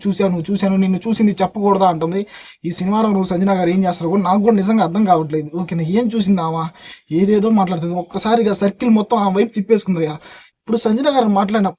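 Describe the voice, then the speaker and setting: A man gives a casual reality-show review, calling his viewers buddies as he argues his case. His voice sits high and comes out quickly. A husky grain runs through it. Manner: animated, addresses viewers as buddies.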